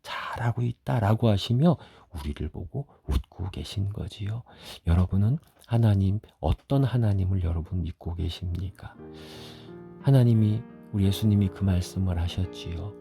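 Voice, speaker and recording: A middle-aged man preaching a sermon as a pastor, telling stories, acting out quoted voices and dropping at times to soft whispers. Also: sits low, normal speed, creaky, husky, dry recording, soft background music.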